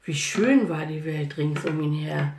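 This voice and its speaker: A woman narrating a children's Bible story in an expressive, lively storytelling manner. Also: sits low, a little slow. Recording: roomy echo.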